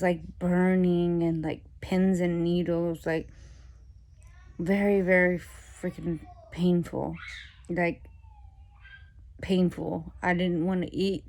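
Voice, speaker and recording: A woman gives a casual video-diary update in a slightly low, gravelly voice that barely varies in pitch. Her throat is sore after surgery, so she speaks in a labored, halting way, sounding plain and weary. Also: darkish tone. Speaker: patient vlogging surgery recovery.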